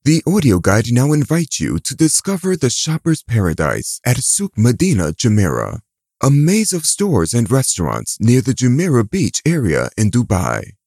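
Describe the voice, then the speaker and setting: Casting: male audio guide narrator, highly animated intonation, soft husky edge, polished and measured. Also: no room sound, clean studio sound.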